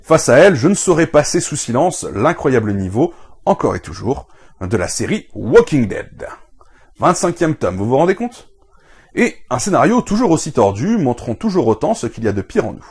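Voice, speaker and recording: Man, comic book reviewer, husky voice, very lively intonation, enthusiastic scripted delivery. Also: medium pitch, moderate pace. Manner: animated, enthusiastic recommendations.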